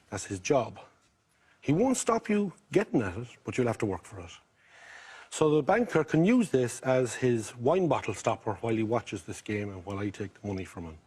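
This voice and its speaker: Game show contestant: middle-aged Irishman, County Mayo accent from the west of Ireland, mid-pitched, slightly rough husky tone, telling his own story. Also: a little mellow. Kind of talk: chatting about his life on a game show.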